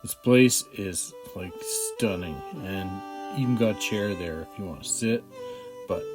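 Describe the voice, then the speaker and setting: An amateur stand-up comedian with a low voice chats slowly in a rambling, casual vlog. He is halting and profane and clears his throat often, with guitar music playing in the background.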